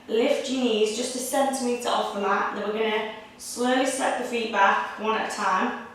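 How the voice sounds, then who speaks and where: A young woman leading a Pilates workout, giving steady, encouraging step-by-step cues. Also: medium pitch, distant mic, a little hiss or hum. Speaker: Pilates instructor. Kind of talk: guided exercise instruction. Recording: echoey room, voice picked up from afar.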